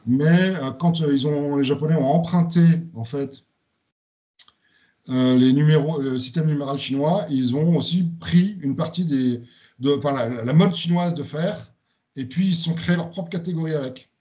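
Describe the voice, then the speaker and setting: A man presents a lecture topic in a hesitant way, with frequent fillers and self-corrections. His voice is mellow and dark. The recording sounds dull and lo-fi. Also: a little high, normal speed. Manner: hesitant, many "euh" fillers and restarts. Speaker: student giving a presentation.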